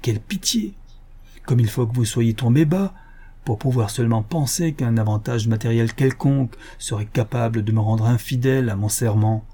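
Brief: man doing a defiant young hero, big declamatory delivery, husky tone. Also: medium pitch, normal speed, mellow, close to an everyday voice. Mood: impassioned. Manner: impassioned, ringing declamation. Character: proud young male frontier hero, fiercely patriotic. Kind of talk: audiobook character voice.

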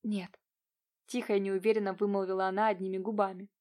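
A woman's voice: mid-range voice, fairly even intonation, quick pace, mellow. Woman narrating a romance audiobook. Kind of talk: scripted narration.

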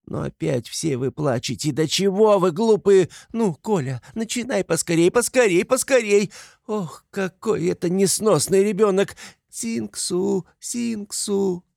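Guy doing a shrill frantic woman, way up high, loud and wailing, dry recording. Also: unhurried, creaky, no room sound. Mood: scolding. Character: frantic consumptive woman in desperate hysterics.

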